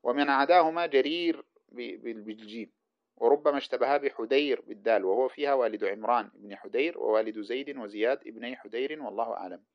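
Fast-talking man teaching a classical text. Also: mid-range voice. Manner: spells out letters and vowels of names; reads passages aloud then explains them. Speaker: hadith sciences teacher. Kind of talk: lecture commenting on a classical text. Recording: dull lo-fi recording.

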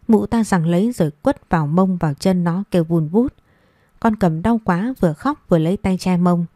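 Low, mellow-voiced woman narrating a story. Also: no echo, studio quality. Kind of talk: scripted narration.

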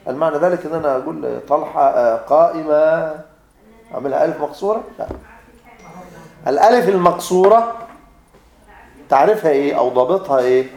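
Egyptian man, grammar teacher, slightly high voice, quizzing and teasing his class, echoey room. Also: a little fast, gravelly, long pauses, a little mellow. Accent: Egyptian Arabic. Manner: quizzes students, repeats points, teasing asides. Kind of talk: classroom lecture. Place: classroom with students.

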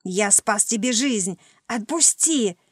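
A woman's voice: fairly high pitch, expressive, takes it slowly, no echo, studio quality. A woman voicing a small grey male demon who hisses and wheezes his lines in panicked, pleading bursts in an audiobook. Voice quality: hissing, wheezing. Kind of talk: audiobook character voice.

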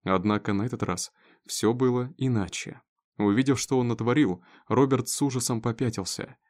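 A man reading a dramatic story aloud in a steady narrating voice. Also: mid-range voice, moderate pace. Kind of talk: scripted audiobook narration.

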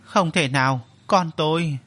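A man's voice: a little high, a little slow, a bit bright, dry recording. A man voicing an anxious, doting middle-aged mother in an audio story, in a pleading tone. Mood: frantic.

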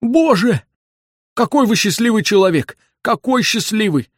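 A man voicing a fretful, tearful old male former official who wails in a high, drawn-out voice. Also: animated, breathy edge, no echo, clean studio sound, exaggerated voice. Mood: eager.

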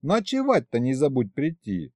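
A doting young wife coos at pets and scolds her husband, played by a man reading an audiobook. Her voice sits high and swoops widely. The sound is close and dry. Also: wildly swooping pitch, normal speed, darkish tone, no echo. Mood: scolding. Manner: cooing, scolding.

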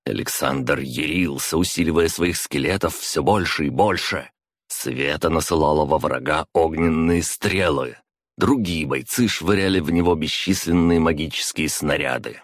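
Deep male narrator, measured fantasy reading, close dry mic. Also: no echo. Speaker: audiobook narrator.

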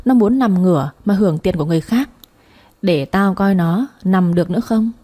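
A heavy-set jealous wife spits insults and threats in a husky, dark voice, as a woman narrator plays her. She sounds coarse and menacing. It is a storybook reading. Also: lowish voice, a little fast, natural voice. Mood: contemptuous, threatening.

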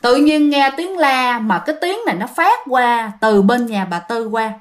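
A woman's voice: on the high side, lively intonation, normal speed. A woman narrating a ghost story in a chatty way, speaking directly to her listeners.

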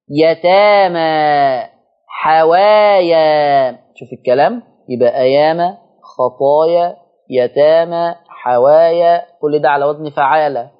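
Egyptian man, high voice, recitation teacher, chants verses then quick asides, muffled lo-fi sound. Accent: Egyptian Arabic. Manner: chants verses slowly and loudly, explains in quick colloquial asides. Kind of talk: televised religious lesson.

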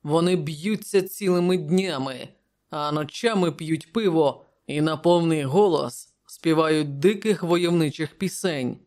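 A narrator reading an audiobook voices a brooding barbarian king from the north in a gruff, grim manner, close to the reader's own voice. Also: mid-range voice, a little slow, darkish tone, lightly acted. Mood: recounting.

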